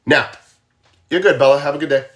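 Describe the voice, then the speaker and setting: A man's voice: fairly high pitch, fairly quick. Boston-accented man hosting a livestream. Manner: conversational, asks viewers questions, repeats himself. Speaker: true crime live streamer, former law enforcement. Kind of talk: casual livestream commentary.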